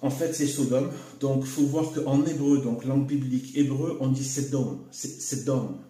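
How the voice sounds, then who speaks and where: A video commentator talks solo to the camera in an unscripted monologue, his mid-range voice mellow and dark with a level tone. He halts often, repeats words, and fills gaps with "hein" and "voilà". The room has a noticeable echo.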